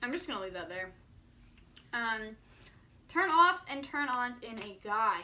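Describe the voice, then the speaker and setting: A woman's voice: fairly high pitch, very animated, unhurried, bright, forceful tone. A woman of twenty-one talking casually and candidly to viewers, peppering her sentences with "like". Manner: candid, informal, filler-heavy with frequent "like". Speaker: vlogger answering viewer questions. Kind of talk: casual chat to camera.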